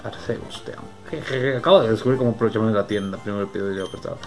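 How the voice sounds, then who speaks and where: A man's voice: fairly low pitch, very fast, a little mellow. Casual young Mexican man over game music. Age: young adult. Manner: slangy, informal. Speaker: gaming YouTuber. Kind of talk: casual gameplay commentary.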